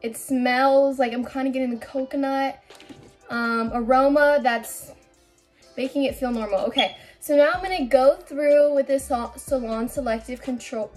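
A young woman talks through a home vlog in a high, chatty voice, rambling and often restarting mid-thought. She sounds a little anxious as she goes. Soft background music sits faintly under her camera-mic audio. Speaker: beauty vlogger. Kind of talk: casual vlog chat.

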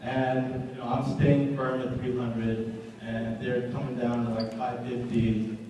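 A man's voice: mid-range voice, little pitch movement, measured pace, warm tone. A young man giving a joking best man speech at a wedding, telling stories and often restarting his words. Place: wedding reception hall. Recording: echoey hall from far off.

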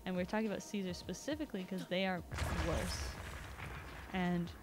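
A woman's voice: fairly low pitch, steady tone, normal speed, noisy background. Chatty rambling woman streamer. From Canada. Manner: chatty, rambling, laughs often. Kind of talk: casual chat while playing a video game. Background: video game music.

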